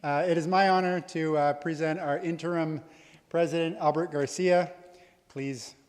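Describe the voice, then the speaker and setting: With a high-leaning voice, fairly even intonation and normal speed, a man emcees a college convocation, making announcements and chuckling lightly as he urges the audience to sit back down. A long hall reverb fills the large venue.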